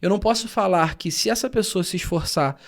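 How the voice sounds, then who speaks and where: A high-voiced, earnest man from Rio de Janeiro state, Brazil, co-hosts a reflective podcast conversation. His delivery is brisk and gravelly, and he is thoughtful, explaining things at length.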